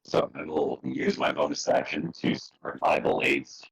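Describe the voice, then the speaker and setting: A man playing a tabletop game over online voice chat, his call breaking up into glitchy, robotic fragments. He talks in a relaxed, hesitant way. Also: measured pace, dry recording, low-quality recording. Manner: relaxed, hesitant with many fillers. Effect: glitchy voice call dropping out, robotic and broken up. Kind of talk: casual tabletop game talk.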